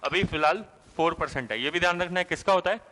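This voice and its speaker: A man's voice: on the high side, fast, bright, forceful tone, in a large hall, a little hiss or hum. A male teacher giving an exam-prep lecture, who asks questions and answers them himself and keeps checking with the class, "hai na?". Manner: explanatory, with frequent "thik hai" and "hai na" checks.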